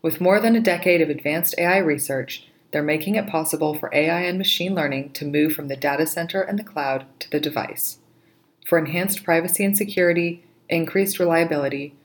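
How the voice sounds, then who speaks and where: Woman, low pitch, ad announcer, scripted, measured. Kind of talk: scripted ad read.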